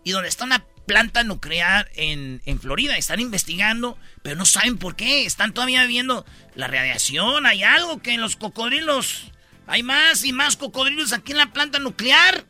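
Bright, high-pitched Mexican man bantering as host. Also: animated, normal speed, soft background music. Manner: joking, slangy, with mock-quoted voices. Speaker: show host. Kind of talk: comedic talk-show banter.

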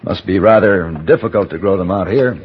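An actor playing a stoic, courteous gunman in a vintage radio western, with a grave, measured delivery. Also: low voice, a little hiss or hum, natural voice. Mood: reserved, polite. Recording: muffled old radio recording with faint music.

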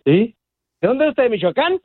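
A man's voice: very high-pitched, big pitch swings, normal speed, dry recording. Angry man on a dull phone line. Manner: angry, blunt, demanding. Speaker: prank call victim.

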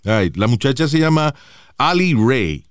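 A man's voice: mid-range voice, very animated, measured pace, clear, resonant tone, dry recording, clean studio sound. A man co-hosting a talk show, chatting casually while switching between Spanish and English and swearing freely. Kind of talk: casual bilingual chat.

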